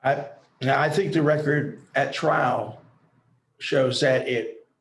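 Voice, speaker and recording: A man's voice: mid-range voice, takes it slowly, echoey room, rough recording. A man arguing for the state in an appellate court, persistent and argumentative. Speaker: attorney for the state.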